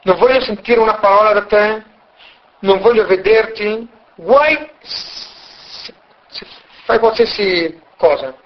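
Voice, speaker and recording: Man doing a rough arrogant woodcutter, raised and harsh, muffled lo-fi recording. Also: sits high, slow. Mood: hostile. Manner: shouting and dismissive. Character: rough arrogant male woodcutter, gruff and hostile.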